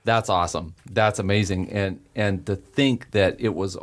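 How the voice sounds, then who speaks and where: Really deep-voiced guy cohosting, lots of "oh my goodness" style reactions. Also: fairly even intonation, moderate pace. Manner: reacts with short exclamations. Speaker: podcast co-host. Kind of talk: casual chat.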